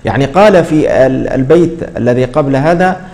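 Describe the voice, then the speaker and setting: A man teaching a tajweed lesson, explaining patiently and repeating words slowly to model their pronunciation. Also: medium pitch, lively intonation, a little mellow. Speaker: Quran recitation teacher.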